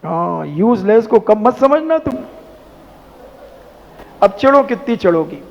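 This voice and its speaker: Casting: high-pitched male monk preacher, animated and scolding, in an echoing hall with dull sound. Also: slow pace, creaky. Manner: animated, rhetorical scolding with mimicry. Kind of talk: sermon.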